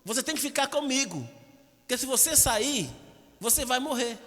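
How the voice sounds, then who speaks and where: A man voicing patient, caring water that warns a little fish, speaking gently with a Brazilian accent. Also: very high voice, lively intonation, moderate pace, exaggerated voice. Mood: explaining. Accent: Brazilian Portuguese. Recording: long church hall reverb.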